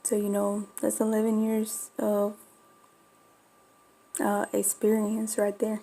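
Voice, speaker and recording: A woman from Florida who breeds bulldogs vlogs about her own life in a rambling, confiding manner, using many fillers, with a light Mexican Spanish accent from her Spanish-speaking upbringing. Her mid-range voice is warm but completely flat, slow, with vocal fry, on a rough recording.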